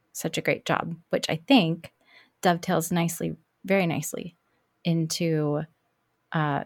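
A woman's voice: sits low, vocal fry, dry recording, studio quality. A woman hosting a podcast, chatting casually with a guest in a gushing manner. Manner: warm, gushing, with restarts. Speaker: podcast host. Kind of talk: casual interview chat.

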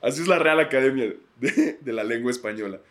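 A man's voice: mid-range voice, lively intonation, fairly quick. A man with a Mexican accent hosting a podcast, rambling crudely in a casual comedic monologue and laughing often. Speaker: podcast host.

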